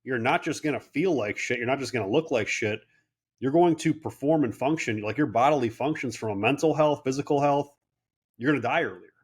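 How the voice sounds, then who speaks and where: A man's voice: mid-range voice, a little fast, husky. A man in his late thirties, a clinic owner and guest, telling his story in casual interview talk and acting out what others said. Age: 30s. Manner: animated storyteller, quotes people in voices.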